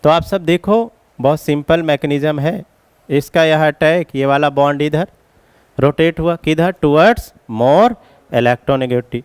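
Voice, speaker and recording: A man's voice: on the high side, takes it slowly, smooth, no echo. A man teaching chemistry as a classroom lecture, explaining each step and calling his students children.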